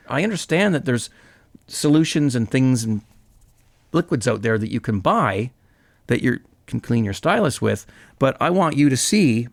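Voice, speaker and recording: A man's voice: medium pitch, creaky, no echo. A man hosting a vinyl video, explaining in a chatty, upbeat way with frequent fillers and self-corrections. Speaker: vinyl channel host. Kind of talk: casual how-to explanation.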